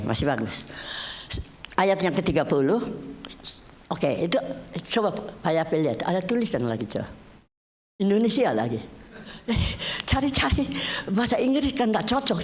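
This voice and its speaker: A woman's voice: darkish tone, a little hiss or hum. Chatty woman pastor preaching. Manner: chatty, swings between raised exclamations and low murmurs; addresses listeners often, mixes in English phrases. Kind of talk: conversational sermon. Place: church service.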